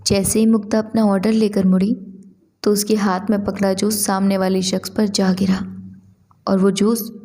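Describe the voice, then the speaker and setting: A woman narrating a story in an expressive, conversational way. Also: medium pitch, normal speed.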